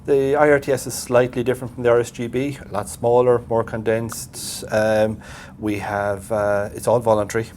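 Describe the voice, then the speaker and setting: A man from Galway with a West of Ireland accent, chatting casually in an interview and haltingly thinking aloud. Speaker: president of a voluntary radio society. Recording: steady background noise with low rumble.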